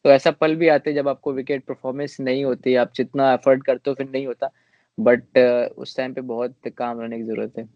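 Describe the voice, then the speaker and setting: A young male cricketer answering interview questions in a relaxed, hesitant way, with frequent fillers and restarts. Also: mid-range voice, normal speed, no room sound, highs cut off.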